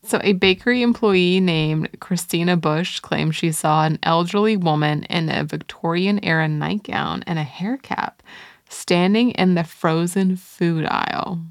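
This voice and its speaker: Lower-voiced woman telling spooky stories casually. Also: creaky, dry recording, clean studio sound. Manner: playful, laughs between lines. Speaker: podcast co-host. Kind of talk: casual storytelling.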